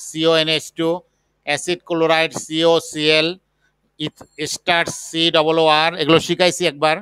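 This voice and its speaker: A man teaching a chemistry class, slowly dictating the material. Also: a little high, sharp tone, clear, resonant tone, no echo. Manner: slow, patient dictation. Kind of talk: classroom lecture.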